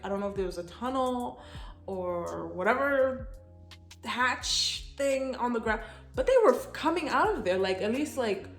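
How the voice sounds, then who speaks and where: Young woman vlogger, animated storyteller, higher-pitched, echoey room, faint music under her. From Canada. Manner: animated, chatty, often breaks into laughter. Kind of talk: storytime vlog.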